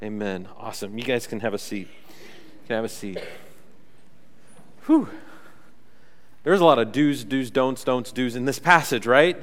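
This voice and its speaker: A man preaching a sermon, chatty and joking, with lots of fillers and animated storytelling. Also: medium pitch, moderate pace, pauses often, slight background noise. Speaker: pastor. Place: church hall. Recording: reverberant church hall.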